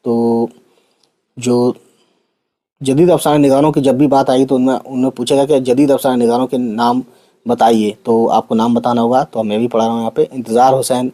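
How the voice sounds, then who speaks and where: A man's voice: mid-range voice, little pitch movement, warm tone. A man from India teaching an Urdu literature lesson, who stops to explain each difficult word with simpler synonyms and English terms and keeps checking in with tag questions.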